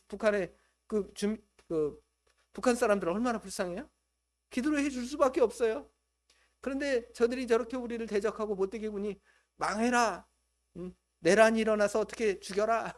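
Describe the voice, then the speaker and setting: High-voiced male pastor preaching animatedly. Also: a little fast. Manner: lively preaching that acts out quoted voices, with chuckles. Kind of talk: sermon. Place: church.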